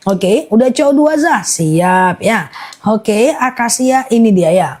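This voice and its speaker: A woman running a live-stream sales pitch for honey, chatty and repetitive, rattling off long lists and checking in with viewers. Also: lively intonation, slow pace, a little mellow.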